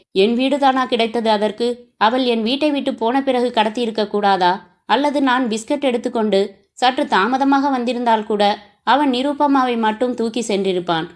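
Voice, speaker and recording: A woman's voice: on the high side, close to an everyday voice. A woman voicing a frightened man who pleads and worries for his kidnapped child. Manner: anxious and pleading.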